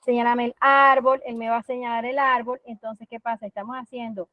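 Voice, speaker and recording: A woman's voice: on the high side, flat delivery, no echo, muffled recording. Woman, speech therapist, patient teacherly explaining, dry close sound. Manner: patient, teacherly, models words slowly for children. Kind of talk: explanatory talk on language therapy.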